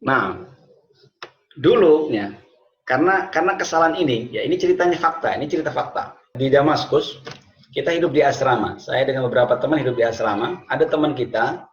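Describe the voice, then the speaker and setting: A man teaching an online class, telling lively stories and mixing in Arabic phrases. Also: mid-range voice, slight background noise. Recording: echoey, dull lo-fi room sound.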